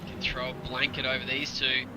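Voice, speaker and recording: A man calls a motor race as a live commentator, with loud vehicle noise all around his voice. His play-by-play is excitable, following each move as it happens, at a middling male pitch. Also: a little fast. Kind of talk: live sim or club racing commentary. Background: loud car and vehicle noise.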